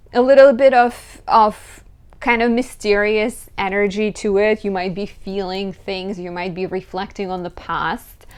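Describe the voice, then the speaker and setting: A woman astrologer giving a chatty, lively horoscope talk, often saying "like". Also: medium pitch, clean tone.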